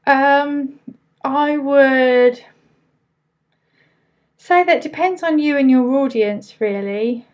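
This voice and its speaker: A woman's voice: sits high, drawn-out words, long pauses, highs cut off. A woman with an Essex accent hosting a casual live training, chatting informally as she reads out and answers questions, with loosely pronounced words.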